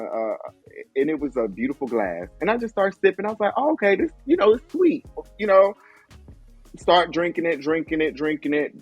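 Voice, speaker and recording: A man hosting a casual podcast chat, gushing and telling stories with animated energy. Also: on the high side, husky, dull audio. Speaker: podcast host.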